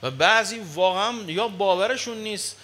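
Forceful animated male preacher. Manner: animated preaching, swinging from low murmurs to loud exclamations. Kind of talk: sermon.

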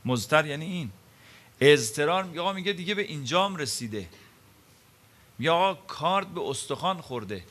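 Man preaching, somewhat high voice, punchy and forceful, goes loud then hushed. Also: animated. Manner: dramatic storytelling with rhetorical questions; swings between loud emphasis and hushed quiet. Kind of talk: sermon.

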